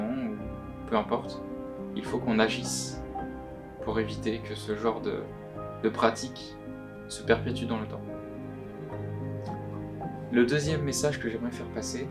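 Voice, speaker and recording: A young man's voice, disguised by being pitch shifted deeper, gives anonymous testimony. He speaks in an earnest, halting way at a middling pitch. Clear guitar music plays under him. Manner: earnest, halting, often repeats words. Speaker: anonymous witness giving testimony. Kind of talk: recorded testimony, answering questions. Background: plucked guitar music.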